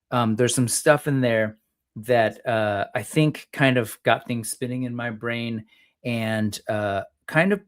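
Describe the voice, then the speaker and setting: A man hosting a casual solo livestream about toy collecting, rambling and often interrupting himself with self-deprecating asides. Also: lowish voice.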